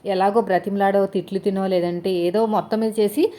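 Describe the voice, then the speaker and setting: A woman's voice: mid-range voice, steady tone, fairly quick, mellow. A woman in her thirties from India, talking casually to her viewers while doing chores, chatty and rambling with lots of fillers. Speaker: vlogger, housewife.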